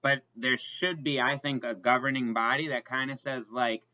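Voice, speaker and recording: A man's voice: medium pitch, steady tone, moderate pace, sharp tone, highs cut off. A man co-hosting a podcast in casual chat, rambling with lots of fillers and restarts. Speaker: podcast co-host.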